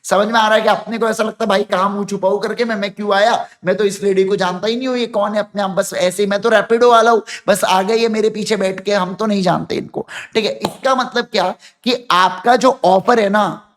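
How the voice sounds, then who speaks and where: A man in his thirties from India teaching law in an online class, mixing Hindi and English, dictating slowly and then explaining quickly and directly to students. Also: high-pitched. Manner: animated, talks to students directly. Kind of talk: online lecture, dictating notes.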